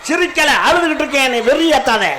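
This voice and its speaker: A man's voice: very high voice, quick pace, background noise. A man doing improvised comic banter on a village drama stage, teasing and laughing, speaking into a stage mic. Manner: teasing, laughing, rhyming insults.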